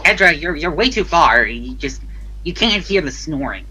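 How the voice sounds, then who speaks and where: A man narrates a tabletop game as game master in a bright, forceful voice. He is casual and halting, with a giggly streak. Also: fairly high pitch, expressive, slight background noise.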